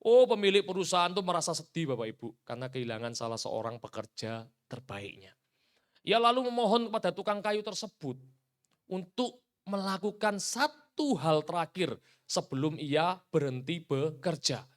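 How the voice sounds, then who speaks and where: A male pastor preaching a sermon, rising to loud emphatic peaks and dropping to hushed, near-whispered endings while addressing the congregation directly. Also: on the high side, big pitch swings, normal speed.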